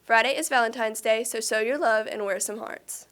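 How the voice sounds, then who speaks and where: A woman's voice: on the high side, moderate pace, fairly bright tone. A teenage girl co-anchoring a student news show, reading announcements cheerfully. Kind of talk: scripted school news reading.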